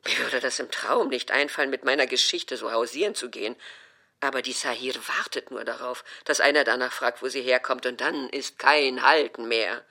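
A woman's voice: a bass voice, normal speed, pushed and bright, voice pushed down, heavily acted. A woman voicing a stubborn, scornful older mother who quarrels with her daughter, read as an audiobook. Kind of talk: audiobook reading.

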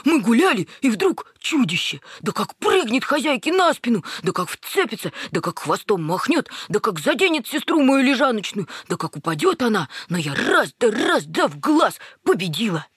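A woman voicing a snobbish, hysterical small female dog with a shrill, excitable manner. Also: moderate pace, hardly any pauses, husky, no echo, clean studio sound, full character voice. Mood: boastful.

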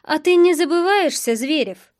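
A cocky rich young man, read by a woman narrator, snapping back on the defensive with sneering bite. The delivery is loud and rises high at the ends of lines. It is audiobook character reading. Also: lively intonation, moderate pace, no room sound, studio quality.

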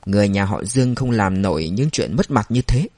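A bitter, scornful old father, as a narrator puts him on, shouting in a loud, slurred drone. His voice is dark and husky and sits close and dry, in a plain storybook reading. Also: fairly low pitch, animated, brisk, no echo, voice pushed down. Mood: scornful berating. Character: angry drunk older father, bitter and scornful.

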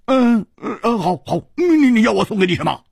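A man's voice: huge pitch swings, brisk, slightly rough, no echo, studio quality, heavily acted. A man doing a blustering, stammering swordsman. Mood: hot, blustering. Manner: stammers and shouts in high bursts. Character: hot-tempered, stammering male swordsman, middle-aged.

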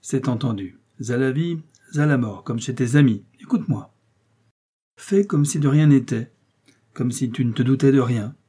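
A man's voice: mid-range voice, normal speed, warm tone, husky, lightly acted. A man reading a curt, commanding detective. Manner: curt, authoritative questioning. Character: sharp, commanding male detective. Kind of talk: audiobook character reading.

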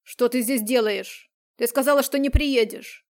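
A woman reader voicing a menacing young man who snaps angrily and hisses low threats. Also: unhurried. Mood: angry. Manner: sharp, then a low hissing threat. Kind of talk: audiobook character reading.

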